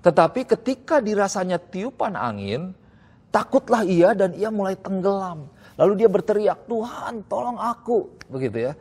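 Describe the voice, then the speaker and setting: A man's voice: a little high, darkish tone. Man preaching in a reverberant church hall. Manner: conversational preaching, reads verses then explains casually. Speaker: pastor. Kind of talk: sermon.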